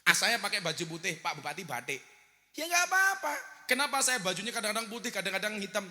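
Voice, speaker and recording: A high, bright-voiced man preaches, joking with and teasing his crowd in a humorous live sermon. His voice carries a long hall echo over faint music from a stage microphone. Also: fast talker.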